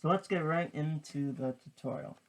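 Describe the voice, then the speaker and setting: A person giving casual card magician patter in a step-by-step tutorial, explaining in halting, piecemeal phrases. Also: medium pitch. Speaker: card trick tutorial presenter.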